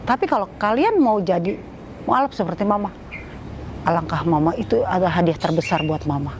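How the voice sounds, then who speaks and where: A middle-aged woman giving an emotional personal testimony in an interview, her voice rising high when she is moved. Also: a little fast, a little mellow, a little hiss or hum.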